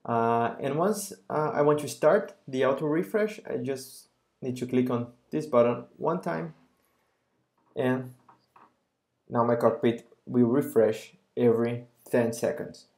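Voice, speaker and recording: A man, a software solution architect, narrating a screen-recorded software demo in a relaxed explaining way with frequent pauses and fillers. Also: mid-range voice.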